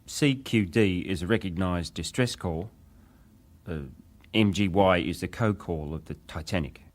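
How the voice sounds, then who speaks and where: With a deep male voice and a slightly slow delivery, an actor plays a young British wireless operator testifying in a dramatized hearing. He is formal, deferential, and precise, keeping a precise, factual mood.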